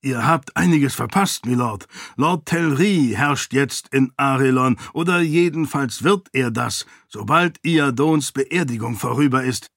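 A man's voice: medium pitch, a little slow, hardly any pauses, a bit bright, dry recording, studio quality. A man voicing a greedy adult male city guard captain, raised and eager in his speech.

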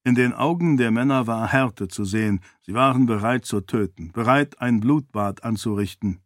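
Male audiobook narrator, mid-pitched, steady and measured, dry studio sound. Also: no echo. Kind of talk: scripted fantasy narration.

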